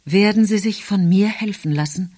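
A woman's voice: mid-range voice, moderate pace, dark tone, no echo, clean studio sound, voice pushed up, close to an everyday voice. A woman voicing an earnest, pious woman in an audiobook, coaxing in manner.

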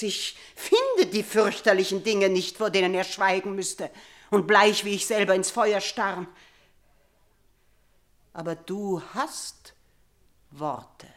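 An actress with a mid-range voice plays an aging queen and mother haunted by nightmares. Performed in theatrical 1950s radio drama style, her delivery swings from loud cries to hushed near-whispers.

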